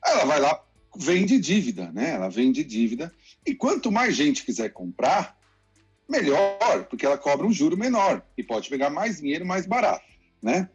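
Lively husky man explaining economics. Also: fairly high pitch, moderate pace. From Brazil. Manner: lively explainer, acts out quotes. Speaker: economic commentator. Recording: dull lo-fi sound with faint music.

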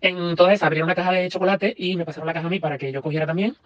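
Bright, fast-talking man. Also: sits high, muffled recording. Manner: animated, acts out his own past lines. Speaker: podcast co-host. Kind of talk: casual storytelling.

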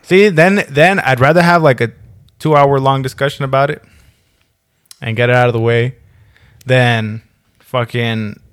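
A man's voice: mid-range voice, a little slow, a bit bright, smooth, no echo. Slangy young man, close dry sound. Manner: slangy, profane, jokey. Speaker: podcast co-host. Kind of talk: casual banter.

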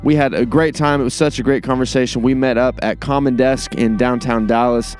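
A man hosting a podcast, upbeat and quick to affirm his guests. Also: mid-range voice, steady tone, darkish tone, soft background music. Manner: upbeat, affirming with many "yeah"s. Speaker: podcast host. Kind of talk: casual podcast interview.

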